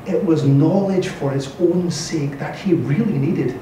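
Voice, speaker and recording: At a live literary event in a bare-walled indoor venue, a man in his thirties reads a story aloud with expressive, dramatic delivery. His voice is a little high and his pace measured. The scripted narration is recorded from a distance in an echoey room with faint noise.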